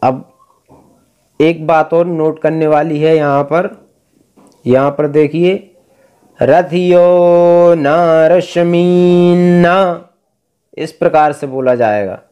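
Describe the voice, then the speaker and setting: A man teaching Vedic recitation, explaining pronunciation and chanting verses in slow, drawn-out tones. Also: fairly high pitch, darkish tone. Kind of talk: recitation lesson.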